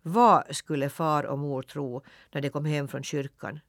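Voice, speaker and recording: A man narrating a classic children's story for radio in a lively, expressive reading. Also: fairly high pitch, dry recording, studio quality.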